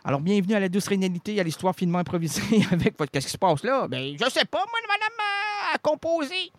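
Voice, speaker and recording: A man's voice: animated, fast talker, no room sound. Playful man host. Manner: clownish, wordplay, sudden swoops in pitch. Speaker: web show host. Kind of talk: playful improvised monologue.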